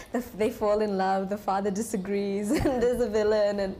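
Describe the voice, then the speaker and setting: A young woman from Hong Kong, a film actress, answering interview questions in short, soft replies with frequent giggles. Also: medium pitch, fairly even intonation, normal speed, slight background noise. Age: young adult.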